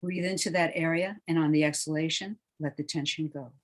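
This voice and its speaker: Slow, hushed and soothing, this meditation guide talks listeners into deep relaxation. The voice rests at a typical middle pitch, and phrase endings drift away to near quiet.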